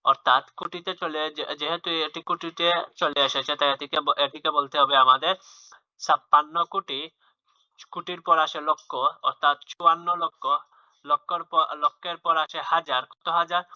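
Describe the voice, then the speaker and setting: Male tutor, patient step-by-step explainer with a bright, tense voice; dry, dull lo-fi recording. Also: on the high side, no room sound. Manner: patient, repetitive explaining with fillers and restarts. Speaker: teacher. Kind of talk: maths lesson for young children.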